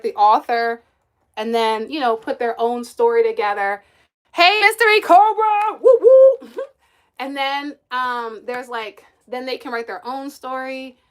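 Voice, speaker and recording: High-voiced chatty woman streamer. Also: a little slow. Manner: chatty, laughs often, answers viewers directly. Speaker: livestream host and kids' coach. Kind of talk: casual live-stream chat reading comments.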